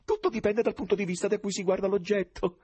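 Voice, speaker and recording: A man's voice: sits high, fairly even intonation, fast, darkish tone, husky, no echo, voice pushed up. A man voicing a thin, fawning male interpreter with a tremulous tenor voice, cordial and chattering. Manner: cordial, chattering, laughs as he talks.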